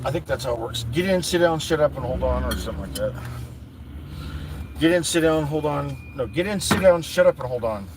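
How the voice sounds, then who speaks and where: A man with a fairly high voice talks animatedly and fairly quickly while vlogging from his vehicle on private land before dawn. Chatting casually as he drives, he rambles and swears while talking to his dogs, over a noisy background.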